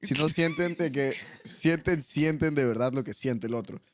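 A young man, a podcast guest telling animated, laughing stories in casual chat. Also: a little high, moderate pace. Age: young adult. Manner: animated storytelling, laughs often.

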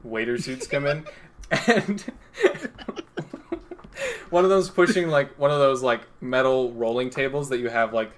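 A man's voice: medium pitch, big pitch swings, slow pace, pauses often. A man narrating as game master of a tabletop role-play, rambling through lots of fillers and laughing often.

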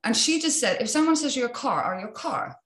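In a casual interview chat, this young woman from Iceland, who coaches fitness and yoga, speaks fast in a slightly high, sing-song, fairly bright voice. She's reflective, often restarting and saying "like", and the room echoes noticeably.

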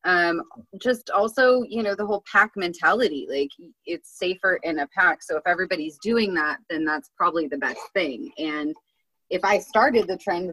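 A woman's voice: fairly low pitch, fairly bright tone, low-quality recording. A woman chatting casually, thoughtful and hesitant, with many fillers. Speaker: guest's wife. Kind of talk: casual chat.

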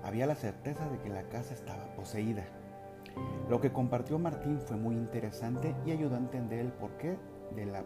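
A middle-aged Mexican man with a Mexican Spanish accent, hosting a podcast and telling a story in a measured, formal way with occasional hesitations. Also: medium pitch. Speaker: podcast host. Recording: loud music under the voice.

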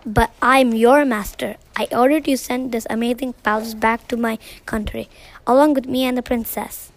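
A woman's voice: on the high side, fairly even intonation, moderate pace, dry recording, close to an everyday voice. A woman voicing a scheming male evil magician in a read-aloud storybook.

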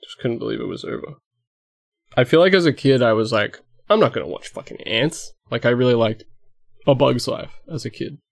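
A man's voice: mid-range voice, brisk, gravelly, no echo, studio quality. A man co-hosting a casual podcast, rambling and laughing often, with casual swearing. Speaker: podcast co-host.

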